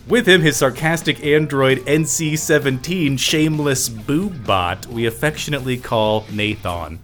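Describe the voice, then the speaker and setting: A man's voice: medium pitch, unhurried, a bit bright, faint music behind. Male comedy podcast host, mid-range voice, theatrical announcer delivery. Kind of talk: comedic hosting and chat.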